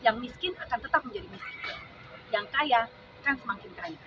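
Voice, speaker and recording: A middle-aged woman giving an impassioned, earnest speech at an outdoor gathering, halting now and then with fillers. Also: on the high side, lively intonation. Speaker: speaker at a supporters' gathering. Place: outdoors at a large public venue. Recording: distant muffled outdoor recording. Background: outdoor noise and passing vehicles.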